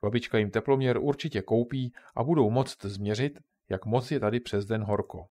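Man calmly reading a children's story. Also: mid-range voice. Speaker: narrator.

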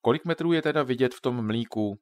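A man's voice: mid-range voice, no room sound, lightly acted. A man voicing a clever young girl who muses aloud in a storybook reading. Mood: inquisitive. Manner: know-it-all, musing.

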